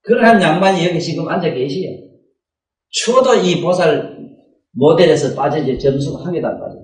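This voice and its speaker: Speaking at normal speed in a slightly high, expressive voice, this dharma teacher has a Gyeongsang Korean accent. His Buddhist sermon in the dharma hall is folksy and rhetorical, peppered with "eh?" questions aimed at his listeners, and the mic sits far off in an echoey room.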